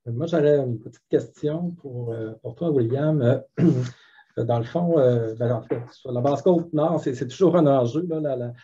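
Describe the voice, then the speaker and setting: A man moderating an academic session informally, with a husky voice and hesitant, repetitive phrasing. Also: mid-range voice, moderate pace, dark tone. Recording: dull, muffled lo-fi sound.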